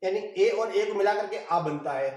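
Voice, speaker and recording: A man's voice: sits high, normal speed, darkish tone. A male Hindi teacher giving a classroom lecture, repeating terms and answering his own questions. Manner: repetitive, rhetorical questions answered himself. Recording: echoey room, mic far off.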